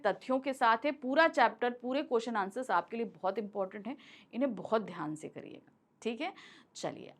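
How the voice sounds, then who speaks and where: A woman's voice: a little high, sharp tone. A woman teacher explaining a Hindi grammar lesson, asking and answering her own questions and mixing in English words.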